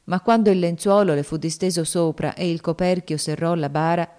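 Low-voiced woman narrating solemnly. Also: fairly quick, mellow, smooth. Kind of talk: scripted audiobook narration.

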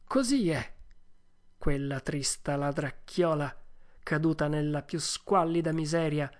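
A woman's voice: deep voice, flat delivery, a little slow, a little mellow. Woman reading a storybook aloud. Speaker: narrator.

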